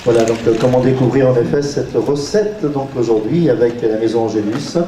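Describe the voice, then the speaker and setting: A man's voice: medium pitch, fairly quick. A man hosting a live cooking demonstration, unscripted, hesitating with many fillers and repeating himself. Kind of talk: live presenting, unscripted explanation. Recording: echoey room, distant mic, crowd noise.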